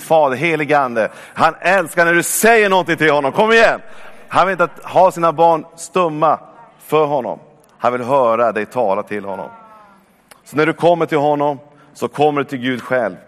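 A man in his forties preaching a sermon, exhorting his listeners with repeated calls to come on. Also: mid-range voice. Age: 40s. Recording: long reverb of a church hall.

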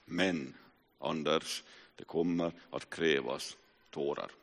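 A preacher voicing the calm, grave Holy Spirit. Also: male voice, a bass voice, gravelly, full character voice. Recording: hall with long reverb.

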